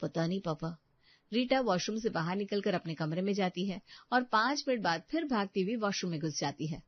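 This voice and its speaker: A woman's voice: medium pitch, fairly quick, no echo. Storybook narrator: a woman telling it evenly, close dry mic. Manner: even storytelling. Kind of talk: scripted narration. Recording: dull dry lo-fi recording.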